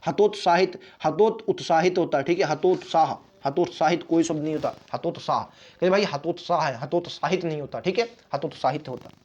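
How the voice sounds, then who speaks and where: A man's voice: fairly high pitch, fairly quick, a little mellow. A man teaching an online exam-prep Hindi lesson, repeating words and checking in with "theek hai". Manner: repetitive, drills spellings with "theek hai". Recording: dull lo-fi recording.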